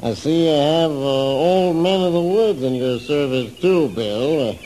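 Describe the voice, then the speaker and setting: An actor playing a jovial, salty old fishing skipper with unhurried, bantering talk in an old-time radio adventure. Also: male voice, fairly high pitch, dark tone, a little hiss or hum, close to an everyday voice, low-quality recording. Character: hearty old salty sea captain running fishing parties. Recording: old radio drama with music behind.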